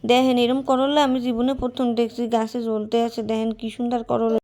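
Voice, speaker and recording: A woman vlogger with a slightly higher pitch, chatting in a Barishal Bengali dialect and keeping up a friendly talk with her viewers. She speaks as she walks along an outdoor village road. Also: flat delivery, brisk, warm tone. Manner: chatty, keeps addressing viewers; talks while walking. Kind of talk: casual travel vlog.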